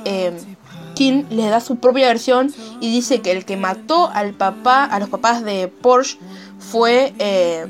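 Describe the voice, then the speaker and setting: A woman with an Argentine accent excitedly retelling and commenting on a series episode, acting out lines and gunshot sounds. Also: a little high. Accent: Argentine Spanish. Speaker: series reviewer. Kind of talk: casual recap and commentary.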